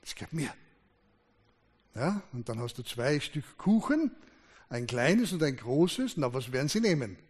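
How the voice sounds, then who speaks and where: A man's voice: medium pitch, very animated, moderate pace, darkish tone, breathy edge. A man preaching a sermon, emphatic, his voice rising and dropping sharply to stress his points. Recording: long hall reverb.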